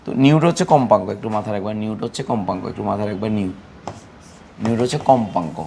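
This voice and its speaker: Fast-talking chemistry teacher drilling students. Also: male voice, fairly low pitch, vocal fry, dark tone, a little hiss or hum. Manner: repetitive, drilling students with questions; playful scolding of students. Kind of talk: classroom lecture.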